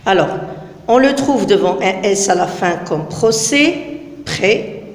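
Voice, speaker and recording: A woman teaching a French lesson in a classroom, explaining slowly and carefully and often checking "d'accord?". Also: mid-range voice, expressive, a little mellow. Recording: echoey classroom with long reverb.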